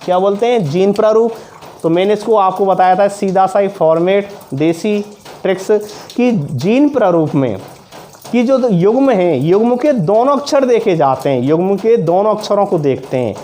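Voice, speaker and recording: A man teaching a school science lesson, asking questions and answering them himself with steady repetition. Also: high voice, moderate pace. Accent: Hindi-speaking north Indian. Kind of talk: classroom lesson with call-and-response questions.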